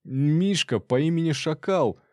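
Brief: male reader as a frightened young man, higher voice, mumbly, in a dry studio. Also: measured pace, dry recording, natural voice. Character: scrawny young male actor, about 25, frightened.

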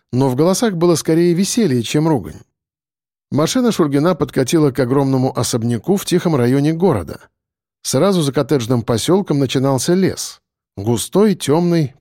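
A man narrating an audiobook in a steady storytelling manner. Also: fairly high pitch, normal speed, no room sound, clean studio sound. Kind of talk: scripted narration.

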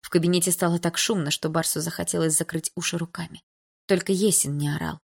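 A woman narrating a dramatic audiobook in a steady, subdued storytelling manner. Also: on the low side, fast talker, vocal fry, slightly rough.

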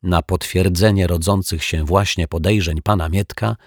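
A man narrating a children's storybook in a measured, expressive manner. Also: low-pitched, no echo, clean studio sound. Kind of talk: storybook reading.

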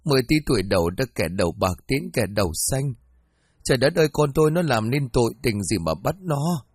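A man's voice: medium pitch, lively intonation, brisk, slightly rough, no echo, studio quality. A man doing a wailing old village mother. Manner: wailing, lamenting.

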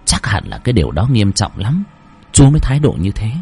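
Male horror narrator, low and husky, lively dramatic reading. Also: brisk, soft background music. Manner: dramatic storytelling. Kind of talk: scripted horror story narration.

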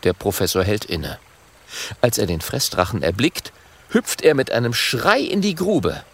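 A man narrating a children's audiobook in a slow, expressive storytelling manner. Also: lowish voice, husky.

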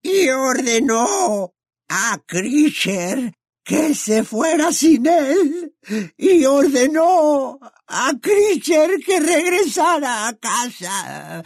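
A man's voice: high-pitched, fairly bright tone, no room sound, clean studio sound, voice pushed up, exaggerated voice. A man voicing a groveling, tormented old male house-elf who talks through sobs and stammers. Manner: sobbing, halting, stammering. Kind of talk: audiobook character voice.

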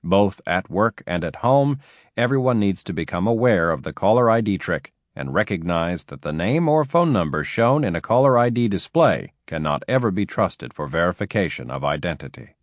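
A man reading nonfiction aloud as an audiobook narrator, telling cautionary stories in an emphatic, expressive way. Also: deep voice, moderate pace, no echo, clean studio sound.

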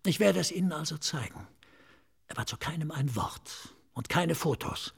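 In a German radio drama, a slightly eccentric forensic pathologist speaks in a raspy, creaky, gravelly voice pitched a little high for a man. He explains clinical matters in measured phrases, confiding and savoring each detail, with an expressive, exaggerated delivery.

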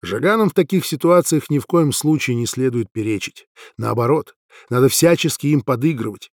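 A man reading a novel aloud as narrator in a measured, steady way. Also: mid-range voice, no room sound, studio quality. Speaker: audiobook narrator. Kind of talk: scripted narration.

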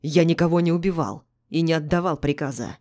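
A woman's voice: sits low, a little fast, lightly acted. A woman reading the part of a proud aristocratic male duke in an audiobook, speaking sharply and curtly. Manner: sharp and curt.

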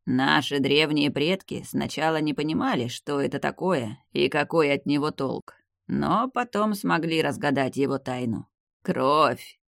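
A man reading the part of an old vampire clan head, the narrator's grandfather, in a grave, measured, weary manner. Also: fairly high pitch, vocal fry, fairly bright tone, no echo, studio quality. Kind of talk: audiobook character reading.

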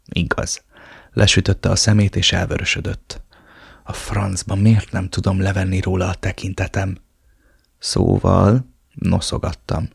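A man's voice: deep voice, completely flat delivery, creaky, slightly rough, no echo, studio quality. A man narrating a novel in the first person in a brooding, inward way. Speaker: audiobook narrator.

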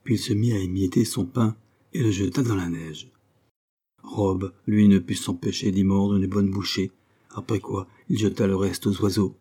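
A man reading a classic story aloud in a measured, even narration. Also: sits low, husky. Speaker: audiobook reader.

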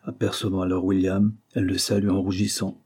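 Male audiobook reader, low and mellow voice, measured narration. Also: level tone, breathy edge. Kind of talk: novel narration.

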